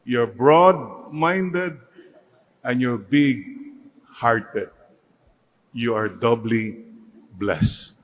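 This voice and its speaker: Filipino priest preaching slow, keeps getting the church to repeat after him. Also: male voice, mid-range voice, a bit bright, low-quality recording. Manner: mixes Tagalog and English, leads the congregation in call-and-response. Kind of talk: sermon.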